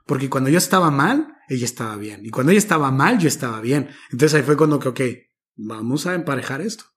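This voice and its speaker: A man's voice: mid-range voice, expressive, fast, slightly rough. A man, reflectively recounting a personal story with casual slang as an interview guest. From Mexico. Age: 30s. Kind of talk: personal testimony in conversation.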